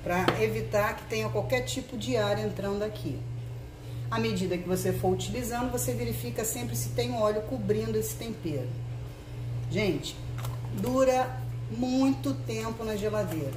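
A woman's voice: mid-range voice, distant mic. Brazilian woman cooking host, chatty step-by-step demo, roomy kitchen, mic set back, noisy background. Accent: Brazilian Portuguese. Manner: chatty, explains each step to viewers. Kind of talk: casual cooking demonstration. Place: home kitchen.

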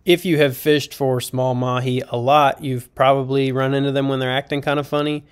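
A young American fishing vlogger calls out excitedly with quick exclamations as the fish bite on a boat out on open water, then settles into stretches of relaxed voice-over about the trip. His mid-range voice is smooth with no room sound, though wind noise hits the outdoor boat mic.

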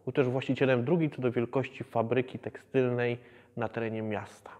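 A man in his thirties, a museum educator, explaining the exhibition in a measured way with many hesitations. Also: medium pitch, steady tone, a little mellow, long reverb tail, highs cut off. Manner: measured, with frequent hesitation fillers. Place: museum exhibition hall, indoors.

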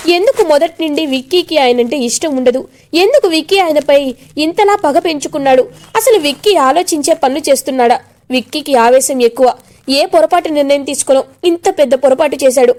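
A woman voicing a distraught young wife who pleads and cries out in a high voice. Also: brisk, a little mellow, lightly acted. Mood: longing. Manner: pleading, crying out.

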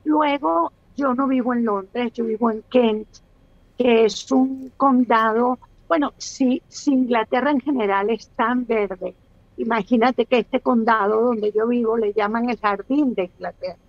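A woman's voice: on the high side, a little slow, dry recording, highs cut off. A Venezuelan woman in her sixties, a guest speaking on a video call, thoughtful and hesitant with many restarts. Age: 60s. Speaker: guest, actress. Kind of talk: casual interview chat.

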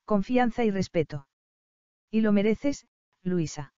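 A woman voicing a tender, anxious young male prince, dropping her voice low and speaking in a hushed, earnest way. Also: lively intonation, slow, smooth, no echo, highs cut off.

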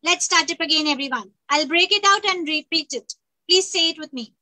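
A woman's voice: extremely high pitch, very slow, bright, forceful tone, rough recording. A woman teaching children over a video call, chanting verses line by line in a half-sung call and repeat.

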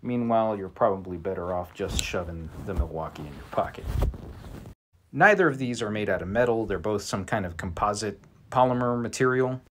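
A man's voice: on the low side, animated, a little fast, fairly bright tone, a little hiss or hum. A man giving a casual product review of tools, with wry, joking asides. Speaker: tool reviewer.

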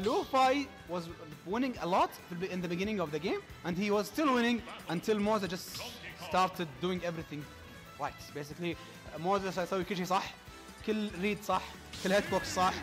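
A young man calls a fighting-game match in a very high, bright voice. He fires off quick play-by-play that jumps into excited shouts. His voice sounds worn out from a long stream, and faint music plays underneath. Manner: excitable, rapid-fire calls that burst into shouts. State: voice worn out from commentating. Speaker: tournament commentator. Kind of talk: live esports play-by-play commentary.

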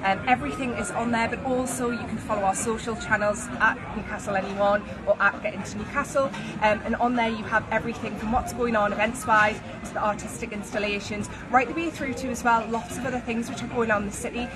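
A woman's voice: a little high, steady tone, quick pace, few pauses. A woman in her thirties, an events and marketing manager, giving an upbeat on-location interview in an outdoor restaurant courtyard. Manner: upbeat promotional, lists events with fillers. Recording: loud background music outdoors. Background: music.

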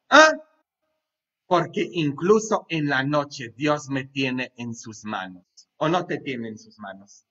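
Bright, high-voiced priest preaching a homily. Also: male voice, dull audio. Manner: lively, joking and conversational, with asides and tag questions; half-sings song lines loudly. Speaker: pastor. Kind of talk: sermon.

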